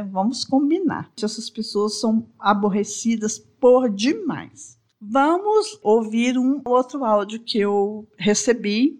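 A Brazilian woman hosts a casual solo podcast in a slightly high voice. She talks to her listeners directly, chatty and expressive, with a lot of feeling. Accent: Brazilian Portuguese. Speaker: podcast host.

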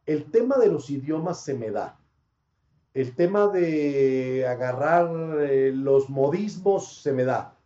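A man's voice: mid-range voice, lively intonation, takes it slowly, warm tone. A man from Panama, a sports commentator, chatting reflectively in an interview and laughing often. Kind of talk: casual interview chat. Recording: dull lo-fi sound in an echoey room.

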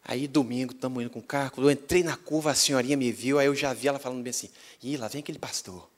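A male pastor with a Brazilian Portuguese accent tells a story in a sermon, animated and acting out the dialogue. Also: mid-range voice, racing.

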